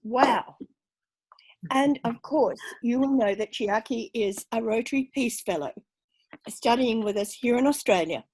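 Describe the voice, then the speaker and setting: A woman's voice: on the high side, a little slow, darkish tone, slightly rough, low-quality recording. A woman hosting an online club meeting over video call, cheerful as she introduces and coaxes the guests. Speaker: meeting host.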